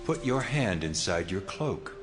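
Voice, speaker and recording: An actor playing a solemn, commanding, almighty God in a dramatized scripture audio production, declaiming with authority through a cavernous reverb. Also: male voice, lowish voice, very animated, unhurried. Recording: long reverb over loud music.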